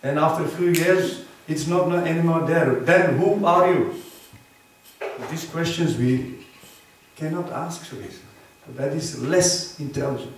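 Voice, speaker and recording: A man delivers an earnest temple sermon, checking in with his listeners through quick tag questions. His voice sits at an ordinary pitch and comes from well away from the mic. It rings through a very echoey hall over a faint background hum. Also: recorded from a distance. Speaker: temple preacher. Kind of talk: sermon on scripture.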